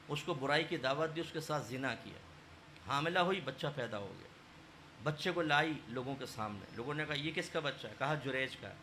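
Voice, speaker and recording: Man preaching, high voice, kinda sharp, tells stories and does the voices, bit of faint noise behind. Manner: storytelling, acts out voices in quotes; emphatic, rising to loud stresses. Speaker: religious scholar. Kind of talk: sermon.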